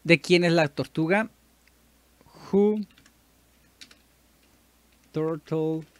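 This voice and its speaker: Unhurried Mexican man thinking aloud. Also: a little high, steady tone. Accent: Mexican Spanish. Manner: chatty, self-correcting, thinks aloud. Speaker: YouTuber doing language practice. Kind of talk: casual commentary while playing a language app.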